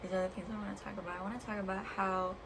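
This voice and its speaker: A woman speaking as a vlogger in a reflective personal monologue, earnest and halting, pausing between short phrases. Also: medium pitch, flat delivery. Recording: clear background noise.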